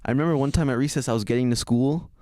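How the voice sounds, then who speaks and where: A man's voice: mid-range voice, rapid-fire, darkish tone, no room sound. A young man co-hosting a podcast, trading teasing jokes and telling stories in casual chat. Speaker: podcast co-host.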